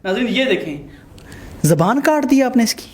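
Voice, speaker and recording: A man with a fairly high voice hosts and mediates a heated couple's dispute. He talks emphatically, lecturing both sides and turning to his viewers. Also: big pitch swings, breathy edge. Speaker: host. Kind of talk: mediating a marital dispute on camera.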